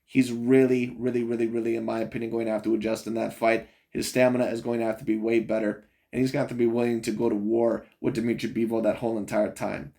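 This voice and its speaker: A man's voice: mid-range voice, flat delivery, quick pace, creaky, hardly any pauses, dark tone. A man giving casual opinion commentary on boxing while reviewing a video, rambling and chuckling between points. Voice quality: rambling, repeats "overall" and "in my opinion", chuckles often.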